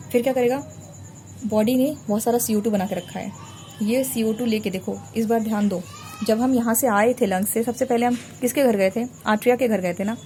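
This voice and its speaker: A woman with a fairly high but mellow, warm voice runs a biology revision lesson. She draws as she talks and patiently repeats each key term to drill simple memory tricks. A faint hiss sits behind her. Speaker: biology teacher. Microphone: recorded while drawing a diagram on a board.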